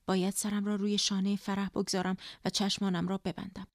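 A woman reading first-person literary narration in a subdued, quiet, introspective way. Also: mid-range voice, completely flat delivery, no room sound, studio quality. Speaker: audiobook narrator.

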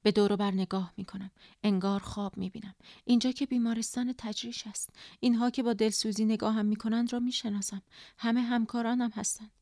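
A woman reading first-person literary narration in a subdued, quiet, introspective way. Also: a little high, fairly even intonation, dry recording, studio quality. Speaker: audiobook narrator.

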